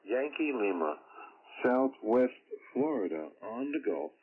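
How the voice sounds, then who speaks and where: A man's voice: medium pitch, big pitch swings, phone-quality sound, a little hiss or hum. Man calling CQ on ham radio. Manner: spells call signs slowly in phonetic alphabet. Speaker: amateur radio operator.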